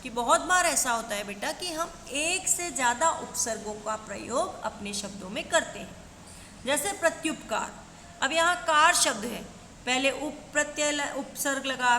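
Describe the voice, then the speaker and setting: A woman's voice: high-pitched, bright, forceful tone. A woman teaching a grammar lesson, going through examples one at a time and calling her students "beta". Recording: echoey room with long reverb, faint noise.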